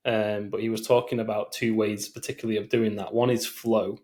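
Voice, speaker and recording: A man's voice: fairly low pitch, little pitch movement, a little fast, darkish tone. A man co-hosting a podcast, chatting casually and rambling with many fillers and restarts. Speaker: podcast co-host. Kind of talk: casual chat.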